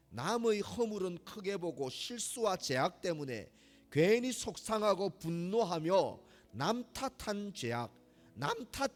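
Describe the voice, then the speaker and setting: A male pastor leading a congregation in fervent, pleading prayer, repeating his invocations again and again. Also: a little high. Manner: repetitive pleading invocations, rising to impassioned crying out. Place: church sanctuary.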